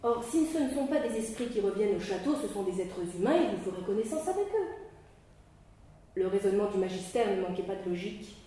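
A woman reading a classic novel aloud in a measured, expressive storytelling manner. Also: mid-range voice, a little hiss or hum. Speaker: audiobook reader. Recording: echoey room, mic far off.

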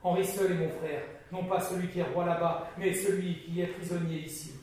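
A man's voice: high-pitched, fairly even intonation, a little fast, darkish tone, natural voice. A man voicing a dying young king, imperious and bitter, in a very echoey room from a distant mic. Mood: commanding. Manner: stern, imperious.

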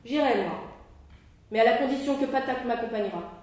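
A man's voice: very high voice, brisk. Woman reading as a stubborn resolute forester. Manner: determined, blunt. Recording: echoey room, mic far off.

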